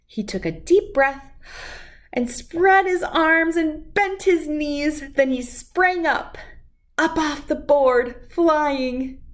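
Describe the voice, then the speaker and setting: Woman doing kids story time, takes it slow, expressive w drawn out words. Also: high-pitched. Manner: slow, animated delivery with drawn-out emphasis for young listeners. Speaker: children's read-aloud host. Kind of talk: expressive storybook read-aloud with personal anecdote.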